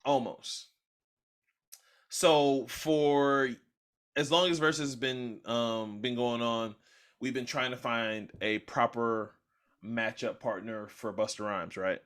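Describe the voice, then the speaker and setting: Bright-voiced young man hosting a podcast. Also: medium pitch, slow, clear, resonant tone. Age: young adult. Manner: animated, argues loudly when heated. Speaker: podcast host. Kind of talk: casual chat.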